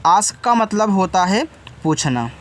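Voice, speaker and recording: Very animated yet measured in pace, this high-voiced, slightly bright English teacher leads an online spelling lesson amid slight background noise. He spells words patiently letter by letter, explains their meanings, addresses students directly and corrects himself when he slips.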